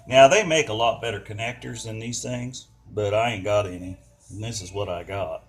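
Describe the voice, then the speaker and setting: An older American man hosts a DIY mechanic video, narrating a hands-on repair in a folksy, colloquial way as he mutters to himself. His voice is fairly low with a moderate pace, and faint music plays behind him.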